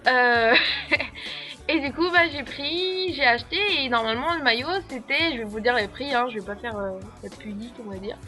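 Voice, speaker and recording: A woman's voice: a little high, normal speed, pushed and bright, soft background music. A young French woman, an au pair, chatting casually to camera with a French accent, rambling with lots of fillers and frequent giggles. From France. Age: young adult. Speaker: au pair vlogger.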